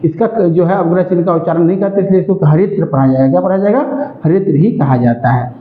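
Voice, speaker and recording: A man's voice: sits high, fast talker. A man teaching Sanskrit grammar, asking questions and answering them himself. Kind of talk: classroom grammar lesson. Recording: echoey room, tinny phone-like sound.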